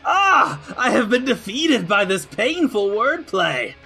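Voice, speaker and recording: A man's voice: extremely high pitch, sing-song, takes it slowly, sharp tone, breathy edge, faint music behind, voice pushed up, exaggerated voice. A man voicing a theatrical, overdramatic villain who is easily defeated, in an improvised role-playing game. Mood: theatrical dismay. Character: melodramatic male cartoonish villain, easily defeated gunslinger.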